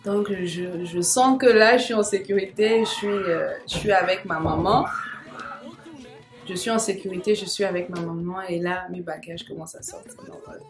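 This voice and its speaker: Animated woman telling a story. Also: on the low side, moderate pace, over music. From Gabon. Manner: animated, repeats phrases, slangy asides. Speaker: online content creator. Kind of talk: casual storytelling to viewers. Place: home with children playing nearby. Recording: echoey room with faint background noise.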